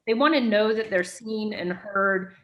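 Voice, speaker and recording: A woman executive answering interview questions in an articulate, steady way, often ending points with a checking "right?". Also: medium pitch, a little slow, lo-fi sound. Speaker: guest executive.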